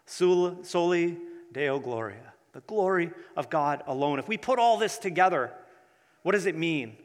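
A male pastor explains his sermon point by point in a somewhat high voice. He phrases deliberately and repeats key words. The sound carries the long reverb of a large hall. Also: lively intonation. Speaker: pastor preaching.

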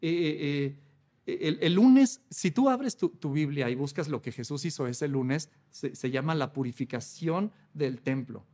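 A man's voice: on the high side, expressive, a little slow, dark tone. A man preaching a Easter sermon in a conversational way, often ending thoughts with rhetorical questions and acting out quoted voices. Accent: Mexican Spanish.

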